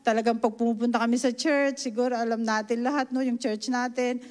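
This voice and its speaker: A woman's voice: a little high, fairly even intonation, brisk, a little mellow. A middle-aged woman from the Philippines preaching a sermon, earnest and emotional, mixing Tagalog and English and often asking "no?". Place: church hall. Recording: long church hall reverb.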